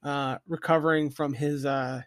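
A man's voice: a little high, steady tone, measured pace, fairly bright tone, dry recording, studio quality. A man hosting a podcast in a casual, chatty style. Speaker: podcast host.

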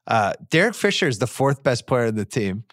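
A man talks through sports memories in a loose, animated podcast chat. His voice sits in an ordinary middle pitch. Wry asides break up the stories. The sound is close and dry, as in a small studio. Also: a little fast, no room sound. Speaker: podcast host.

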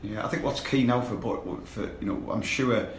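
A man with a croaky voice, a guest on a casual football podcast, talking haltingly with many repeated words. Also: fairly low pitch, heavy background noise. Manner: hesitant, repeats words, flat delivery. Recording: echoey room with faint ambience.

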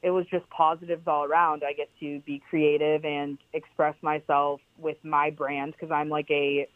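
Over a tinny, phone-like line, a young woman's deep, powerful voice comes through dry with no room sound. She is the guest on a podcast and the founder of a clothing brand, talking at normal speed with a flat delivery. Still, she chats casually and emphatically, saying "like" a lot.

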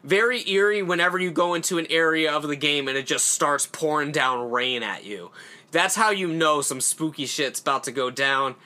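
A man's voice: fairly high pitch, normal speed, pushed and bright. A young man hosting his own channel, talking casually and rambling about games in a loose, conversational way with fillers and the odd swear. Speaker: horror channel host. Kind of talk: casual solo commentary.

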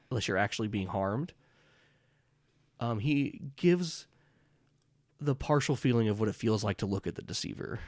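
A man working as game master, improvising tabletop narration in a casual, halting, descriptive way. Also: medium pitch, darkish tone, dry recording, studio quality. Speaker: game master and podcast host.

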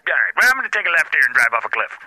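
Fast-talking trucker man over CB radio. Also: mid-range voice, big pitch swings, sharp tone, slight background noise.

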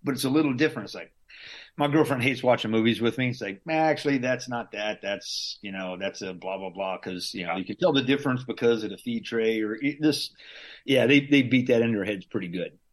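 With a medium-pitched voice and a slightly fast pace, this middle-aged man from Southern Louisiana shares stories as an interview guest. A Green Beret veteran, he tells them casually, rambling with frequent restarts and laughs.

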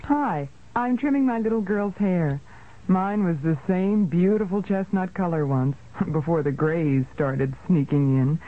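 A woman's voice: medium pitch, lightly acted. An actress playing a cheerful mother giving a scripted testimonial in a radio commercial. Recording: tinny, narrow-band radio recording.

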